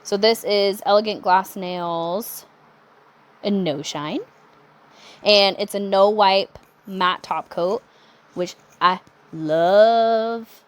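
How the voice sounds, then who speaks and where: A young adult woman talking through a nail art tutorial in a chatty, relaxed way, with self-correcting asides. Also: mid-range voice, takes it slowly. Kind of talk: casual step-by-step tutorial narration.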